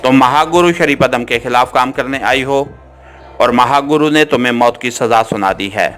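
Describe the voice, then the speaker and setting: A man voicing an armed male cult guard in an audiobook, speaking in a harsh, flat tone over soft background music. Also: mid-range voice, normal speed, natural voice. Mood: menacing. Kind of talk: audiobook character reading.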